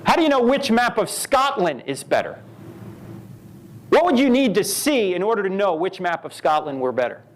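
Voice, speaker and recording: Lively high-pitched man lecturing. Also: moderate pace. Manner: animated, rhetorical questions and storytelling. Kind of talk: live lecture to a university audience. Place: university event hall.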